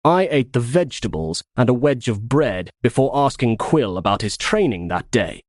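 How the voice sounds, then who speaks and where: Expressive male audiobook narrator. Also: mid-range voice, moderate pace, dry recording, studio quality. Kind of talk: first-person audiobook narration.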